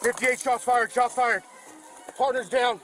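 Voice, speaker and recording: Frantic man shouting over a police radio. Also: very high voice, flat delivery, a little slow, faint music behind. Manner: urgent shouted radio calls. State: frantic, voice breaking. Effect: police radio transmission. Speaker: police officer.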